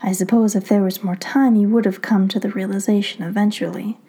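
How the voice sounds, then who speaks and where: A sinister male fox spirit speaks in hushed, unhurried tones, taunting his captive, as a woman puts him on in a storybook reading. It is whispered role-play, breathy and mellow, never raised. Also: mid-range voice. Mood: calm menace. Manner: calm, taunting.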